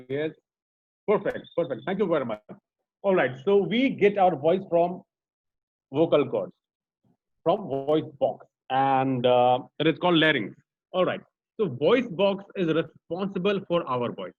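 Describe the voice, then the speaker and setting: A man's voice: a little high, no room sound. Man leading an online voice class. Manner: interactive, asks the group questions. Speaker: voice trainer. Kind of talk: online training session. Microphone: video call. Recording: dry, slightly dull call audio.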